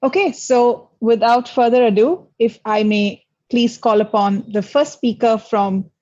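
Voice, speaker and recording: A woman's voice: on the high side, measured pace, dark tone. Woman, debate chair, polite procedural tone, slightly muffled call audio. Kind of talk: formal moderating. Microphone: video call. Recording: dull video call audio.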